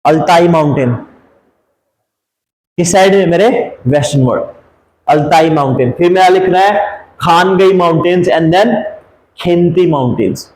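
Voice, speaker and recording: Guy teaching map geography, drags out place names, bit higher voice, roomy echo. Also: normal speed, darkish tone. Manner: keeps asking rhetorical questions; drawls and repeats place names. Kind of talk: map lesson for exam students.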